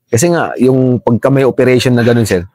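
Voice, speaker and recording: A man's voice: mid-range voice, brisk, darkish tone, dry recording. Deferential man recounting in a dry room. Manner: deferential, calls the host sir often. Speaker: interview guest, former rebel fighter. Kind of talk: conversational storytelling.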